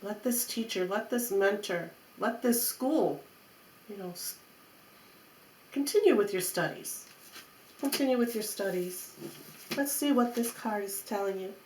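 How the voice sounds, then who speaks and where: A woman gives a mystical tarot reading in an unscripted, coaxing style. She circles back over phrases for emphasis and reassurance, at a medium pitch. The room is noticeably echoey, with faint noise behind her. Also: animated, a little slow, pauses often, darkish tone. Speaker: tarot reader. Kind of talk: mystical tarot horoscope reading, spoken off the cuff. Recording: roomy echo, faint background noise.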